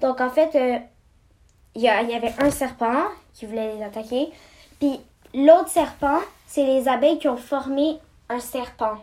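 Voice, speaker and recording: A woman reading a children's story aloud, slow and halting, stumbling and restarting words. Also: sits high, warm tone. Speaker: story reader.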